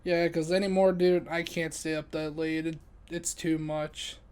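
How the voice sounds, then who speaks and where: A man's voice: on the high side, flat delivery, measured pace, a little mellow, clean tone. A young man streaming and narrating a game, jokey and laughing often while directing his friends. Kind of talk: casual chat while voice-acting a game.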